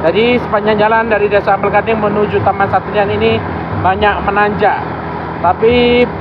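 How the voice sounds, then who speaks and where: High-voiced man muffled by a face mask. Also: flat delivery, brisk. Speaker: travel vlogger. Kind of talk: casual motovlog commentary. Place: outdoors, riding a vehicle on a village road. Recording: dull lo-fi, loud engine and road noise.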